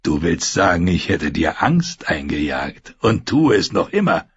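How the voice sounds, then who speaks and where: Brutal scarred warrior, low husky growl, read by a male narrator, dull dry sound. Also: big pitch swings, measured pace, dry recording, exaggerated voice. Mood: mocking. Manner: gruff, scornful, growling. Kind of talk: audiobook character voice.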